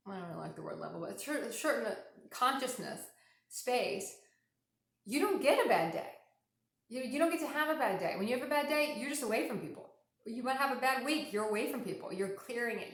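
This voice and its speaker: A woman's voice: medium pitch, a bit bright. A middle-aged woman giving a casual, frank spiritual talk as an intuition coach. She swears freely and often repeats herself. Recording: roomy echo.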